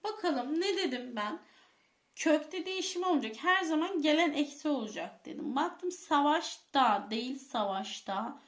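A woman's voice: sits high, animated, normal speed, reverberant. A woman teacher giving a grammar lesson to schoolchildren, asking them questions and repeating the key points. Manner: addresses pupils as friends, repeats key points, asks quiz questions. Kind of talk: classroom lesson for children.

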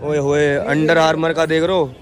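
Holding his phone at arm's length, a young adult man chats excitedly through a casual vlog at a busy outdoor street market, then continues at home in a bedroom. His voice is a little high and his pace moderate, with crowd noise behind him. He repeatedly says "bhai."

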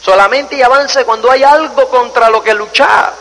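A man's voice: very high voice, moderate pace. A man giving a live motivational seminar, telling stories animatedly and firing rhetorical questions at the audience. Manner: animated storyteller, acts out scenes and asks the audience rhetorical questions. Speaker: motivational speaker. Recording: reverberant hall with faint noise.

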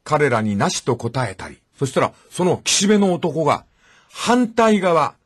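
Brief: male radio host, husky, very lively storyteller voice. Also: medium pitch, normal speed. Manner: acts out the voices in the stories he retells. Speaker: radio talk show host. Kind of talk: animated storytelling commentary.

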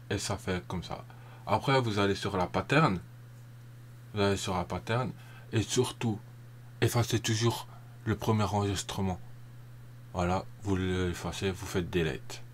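A man narrating a software tutorial over a screen recording, casual and rambling, often hesitating and repeating himself. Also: on the low side, slight background noise.

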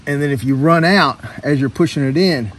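A middle-aged man with a slightly high, husky voice walks through a repair job in a plain, hands-on way. He is outdoors under a boat, and his voice drifts nearer and farther from the camera mic as he works. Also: a little fast. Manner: plainspoken, hands-on explaining while working. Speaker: boat owner showing repair work. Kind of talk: casual how-to narration. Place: outdoor boatyard, under a hull.

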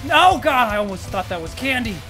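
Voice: mid-range voice, big pitch swings, fairly quick, bright, forceful tone, soft background music. A performer voicing a tusked walrus character who hosts game videos and yelps and shrieks at the game in playful commentary. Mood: excitable. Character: excitable tusked walrus gamer. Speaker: gaming video host. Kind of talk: let's play commentary.

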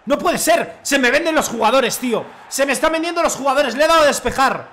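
A young man, commentating his own football video game match in the style of a TV commentator and bursting into long shouted goal calls. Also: very high voice, fast talker. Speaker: gaming youtuber playing a football career mode. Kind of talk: excited self-commentary while gaming.

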